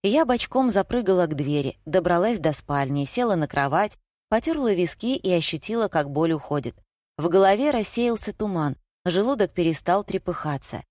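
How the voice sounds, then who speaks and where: A woman's voice: lowish voice, expressive, normal speed, darkish tone, dry recording. A woman reading a first-person audiobook in a wry, ironic narrating style on a close studio mic.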